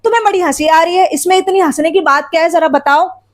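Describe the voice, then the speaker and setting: A woman voicing a hot-tempered middle-aged father who blusters with quick indignant retorts as she reads the story aloud. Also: sits high, close to an everyday voice. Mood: angry.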